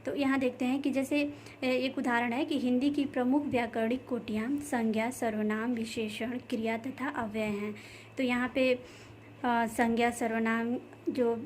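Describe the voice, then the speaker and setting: A woman teaching a grammar lesson, explaining each point slowly and repeating key terms with many fillers. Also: fairly high pitch, a little mellow, slight background noise. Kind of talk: explaining lesson over slides.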